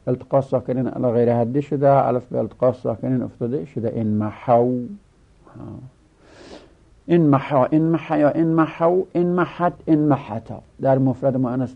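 A man teaching a seminary grammar lesson, chanting word forms in a slow, drawn-out recitation. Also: mid-range voice, vocal fry, narrow, tinny audio.

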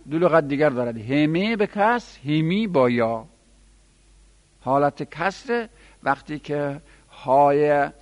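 A man teaching Arabic grammar in a classroom lecture, explaining and listing word forms, with emphatic rises in pitch. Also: in a large hall.

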